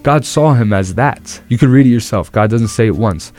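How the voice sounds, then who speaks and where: A young man co-hosting a podcast, retelling a Bible story in an earnest, animated way with many restarts. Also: mid-range voice, normal speed, soft background music. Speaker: podcast co-host. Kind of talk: casual Bible discussion.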